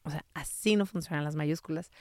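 A woman's voice: sits low, fairly quick, darkish tone, no echo, clean studio sound. A woman explaining spelling rules in a casual, patient, teacherly way, full of everyday examples. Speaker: spelling and grammar expert guest.

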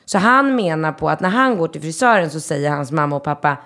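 A woman in her thirties from Sweden, co-hosting a casual chat and telling stories with animated, loud acted-out quotes. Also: deep voice. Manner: lively storyteller, acts out quotes loudly. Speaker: podcast co-host.

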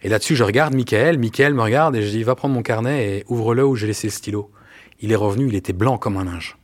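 A man, telling personal stories in an earnest, halting way with many fillers. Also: lowish voice. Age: 40s. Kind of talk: casual testimony.

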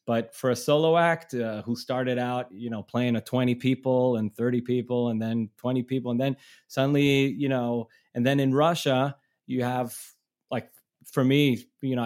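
Appearing as a guest on a podcast, a middle-aged Israeli touring musician spins long road stories in a casual, meandering way, restarting sentences and laughing as he goes. His voice has an ordinary middle pitch and a darkish tone.

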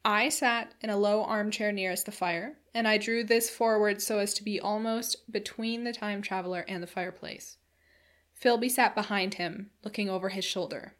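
A woman narrating a classic novel in a measured, steady storytelling voice. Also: medium pitch. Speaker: audiobook reader.

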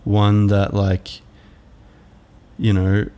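A man hosting a reflective solo podcast, musing aloud in a halting way with many fillers. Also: on the low side, completely flat delivery, dark tone, smooth. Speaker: podcast host.

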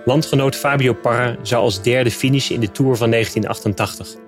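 A man narrating a scripted nonfiction account in a steady, measured reading voice. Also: mid-range voice, soft background music.

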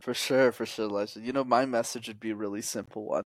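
A fast-talking man in his twenties, working as a communication coach, gives an animated, casual interview where quoted lines come out in sudden shifts of pitch. No echo is heard.

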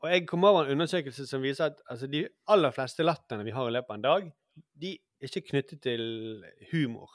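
A man in his forties with a mid-pitched voice, chatting on a podcast. He muses aloud and rambles with lots of fillers. The recording is close and dry. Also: expressive, dry recording. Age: 40s. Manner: musing, rambling, many fillers. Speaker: podcast host. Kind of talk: casual chat.

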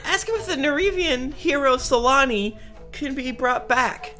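A woman's voice: sits high, animated, measured pace, fairly bright tone, faint music behind. A woman talking casually as a player in a tabletop game. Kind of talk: casual banter.

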